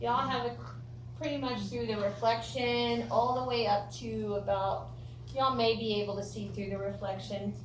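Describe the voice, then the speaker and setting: American female ghost tour guide, informal and jokey storyteller, fairly high voice, picked up from afar with clear noise. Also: steady tone, normal speed. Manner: folksy, joking, chatty storytelling. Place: indoor room of an old theatre. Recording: roomy echo, distant mic, clear background noise.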